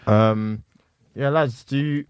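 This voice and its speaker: A man's voice: mid-range voice, slow, smooth, no room sound, studio quality. A man with a London accent hosts an interview in a casual, conversational way. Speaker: interview host.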